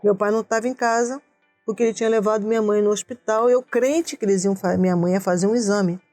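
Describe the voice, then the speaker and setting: A woman's voice: mid-range voice, fairly even intonation, fast, darkish tone, no echo, soft background music. A woman from Rio de Janeiro, an interview guest telling a personal story with vivid retellings and quoted voices.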